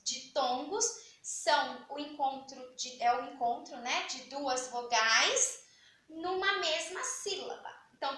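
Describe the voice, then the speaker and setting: A woman's voice: high voice, sharp tone, echoey room, a little hiss or hum. A young adult woman, teaching a grammar lesson in a chatty way, asking herself questions and answering them. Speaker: Portuguese teacher.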